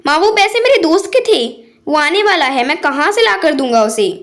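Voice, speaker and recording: A woman's voice: extremely high pitch, expressive, brisk, fairly bright tone, full character voice. A woman voicing a young adult son who talks with worried urgency in a storybook tale.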